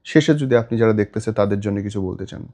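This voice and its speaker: Fast-talking blunt male advice-show host. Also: on the low side, warm tone. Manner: blunt, scolding, sarcastic interjections. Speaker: radio-style show host.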